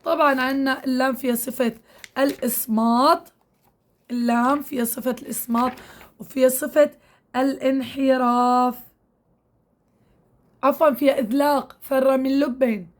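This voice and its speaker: A woman teaching Quran recitation to women, patiently drilling sounds and repeating syllables slowly. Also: sits high, fairly even intonation. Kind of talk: tajweed lesson to women learners.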